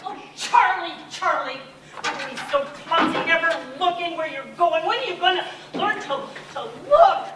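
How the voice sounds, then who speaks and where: A woman's voice: very high-pitched, animated, moderate pace, very noisy. An actress playing a confused mother fixated on cleaning, talking in a rambling, flustered way, recorded from far off on an echoing stage.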